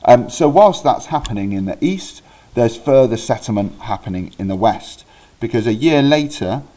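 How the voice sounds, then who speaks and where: A Welsh man with a medium-pitched, expressive and mellow voice gives a casual recorded history lesson at a moderate pace. He chats along with many ums and restarts, now and then correcting himself.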